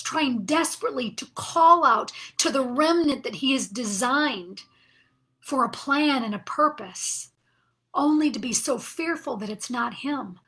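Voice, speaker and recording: A middle-aged woman giving an earnest Bible study talk, sometimes dropping to a soft half-whisper. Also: high voice, husky. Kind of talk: devotional teaching talk.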